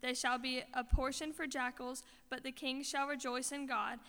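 A woman reading scripture aloud in church at a measured, even pace. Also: high-pitched, clear, resonant tone. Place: church sanctuary. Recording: long hall reverb of a church.

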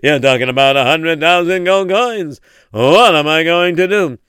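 A man plays a flustered, well-off man who worries aloud and stammers through his questions. The voice is bright and clear, in a dry sound. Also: on the high side, animated, normal speed, no echo.

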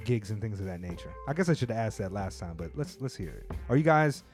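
Joking, profane host. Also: male voice, lowish voice, animated, fast talker, a little mellow, soft background music. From US West Coast. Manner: laughing, profane, joking banter. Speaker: podcast host. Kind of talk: casual chat.

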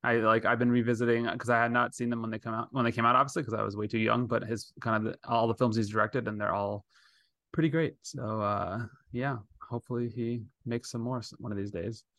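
A man's voice: medium pitch, flat delivery, a little fast, fairly bright tone, no room sound, clean studio sound. A man hosting a podcast in a casual, chatty style. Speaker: podcast host.

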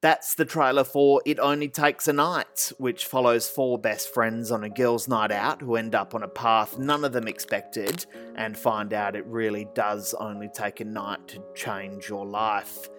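A man's voice: lowish voice, steady tone, a little slow, few pauses, fairly bright tone, faint music behind. A man with an Australian accent hosting a film podcast, reading guest introductions and chatting with filmmakers. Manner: reads introductions, then chats. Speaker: podcast host. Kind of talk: casual interview.

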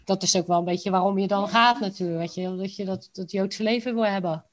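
A woman's voice: mid-range voice, steady tone, a little fast. Female interview guest, Rotterdam accent, colloquial and conversational, mid-range voice. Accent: Rotterdam Dutch. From Rotterdam, Netherlands. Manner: informal and colloquial. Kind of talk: casual conversational interview answers.

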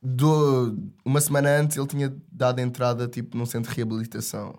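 A man's voice: medium pitch, flat delivery, a little fast, a little mellow. A man, hosting a casual music show and chatting. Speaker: radio show host. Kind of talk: casual chat over music.

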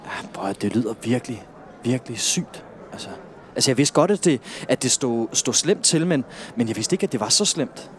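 A man's voice: mid-range voice, lively intonation, close to an everyday voice. An actor playing a concerned, earnest male friend who hesitates and stumbles over false starts. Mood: worried. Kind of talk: film drama acting.

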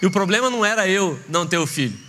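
A man's voice: high-pitched, animated, rapid-fire, pushed and bright, slight background noise. A man pastor preaching a sermon with passion, acting out short voices in his stories. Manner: impassioned preaching, acts out voices in anecdotes. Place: church. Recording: reverberant church hall.

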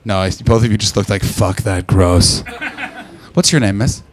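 A man doing stand-up crowd work, brash and profane, teasing the audience and breaking into loud shouts. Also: on the low side, moderate pace, background noise. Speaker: stand-up comedian. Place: London comedy club.

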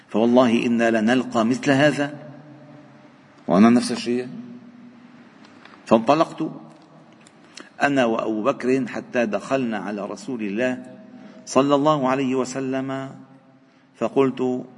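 Lebanese sheikh doing a mosque lesson, husky voice, lots of hall echo, repeats stuff for emphasis. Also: male voice, medium pitch. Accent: Lebanese Arabic. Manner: expressive, repeats phrases for emphasis, swings between calm and animated. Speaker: sheikh giving a Quran study lesson. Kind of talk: mosque sermon mixing classical Arabic and dialect.

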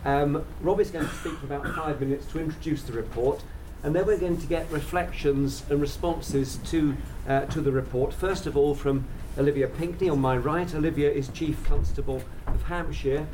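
A man chairing an event, introducing it in a courteous, measured and formal way. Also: a little high. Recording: distant mic, faint noise.

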